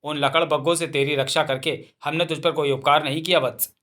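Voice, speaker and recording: A man's voice: on the high side, fairly even intonation, a little fast, fairly bright tone, lightly acted. A man voicing a solemn male yaksha spirit who speaks in a formal, lofty way.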